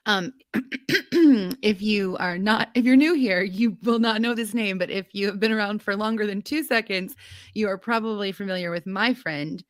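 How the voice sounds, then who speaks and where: A woman co-hosting a podcast in casual chat, quick to laugh and teasing. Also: medium pitch, no echo, clean studio sound. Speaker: podcast co-host.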